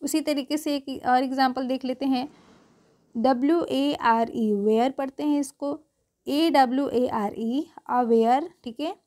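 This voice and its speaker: A woman teaches English pronunciation, her voice sitting a little high. She stretches out each spelled letter and keeps checking in with the learner through rhetorical questions and a steady stream of "okay". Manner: slow, drawn-out spelling of letters. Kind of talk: explaining pronunciation rules.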